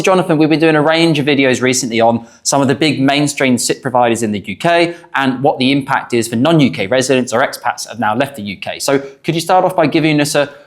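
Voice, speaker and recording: Man hosting a financial explainer interview. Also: mid-range voice. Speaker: host, financial adviser.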